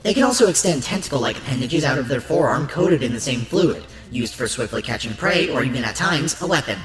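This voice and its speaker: A narrator and show host presents a scripted, documentary-style piece with an emphatic presenter's delivery, speaking fairly quickly. His mid-range voice is expressive, and the roomy echo sits under loud background music.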